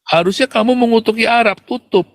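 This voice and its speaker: A man delivering an impassioned, combative monologue to his viewers. He keeps calling them brothers and sharply jumps up in pitch whenever he makes a point. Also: fairly quick, dry recording. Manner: emphatic and combative, keeps addressing listeners as brothers.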